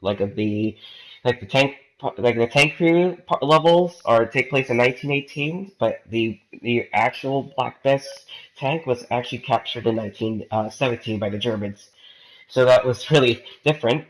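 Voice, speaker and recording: Speaking at a normal speed in a mid-range voice, this gaming YouTuber has a cold and meanders through relaxed commentary, stumbling over fillers and restarts. The audio quality is poor, with game sounds in the background.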